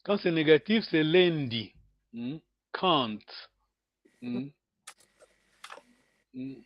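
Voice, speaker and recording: High-pitched guy teaching over a call, slow and patient, lots of ums, dull muffled sound. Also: expressive, no echo. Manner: patient, hesitant, many pauses and fillers. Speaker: language teacher. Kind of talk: online language lesson. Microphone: video call.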